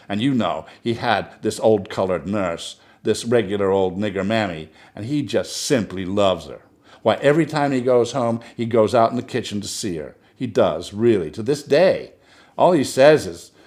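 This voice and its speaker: This is a man with a lowish, darkish, natural-sounding voice. He reads a short story aloud and takes on the part of a gushing society lady who chatters breathlessly and never stops complimenting herself.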